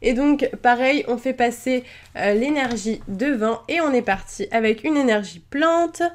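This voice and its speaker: A young woman chatting casually as she opens trading card packs at home, hesitant and full of fillers but excitable. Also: a little high, measured pace. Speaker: YouTuber opening trading cards. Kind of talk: casual card-opening commentary.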